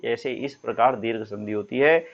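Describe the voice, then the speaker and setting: With a mid-range voice at moderate speed and the highs trimmed off, a man delivers a Sanskrit grammar lesson in classroom fashion. He walks students through it patiently, drawing out sample sounds.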